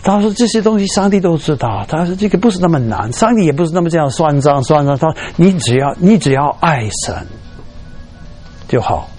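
A middle-aged man gives a sermon and slips English fillers into his speech. His voice sits a little above the usual for a man and climbs high when he acts out a story's emotions. His delivery is animated and storytelling. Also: a little fast, soft background music. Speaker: preacher.

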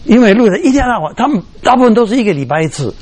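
A middle-aged man preaching a sermon, telling stories in an animated way, scattering English fillers through his speech, his voice leaping up when he acts out strong feelings. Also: racing. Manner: animated storytelling, voice jumps high when acting out emotion.

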